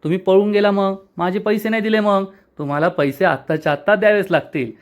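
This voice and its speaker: A stubborn, cheeky young taxi rider who keeps haggling and teasing, as a man retells him. The voice sits high for a man. The dialogue is read out as part of a serial episode recap. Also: steady tone, quick pace, lightly acted. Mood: insistent.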